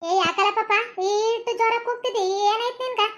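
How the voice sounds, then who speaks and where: A woman's voice: extremely high pitch, a little fast, pitched above the performer's own voice. A woman voicing a bossy older mother-in-law who scolds in a North Karnataka Kannada accent. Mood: scolding.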